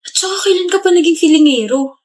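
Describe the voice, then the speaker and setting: A woman playing a sassy young woman in a comedy skit, firing back sharp, high-pitched retorts. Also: quick pace. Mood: indignant.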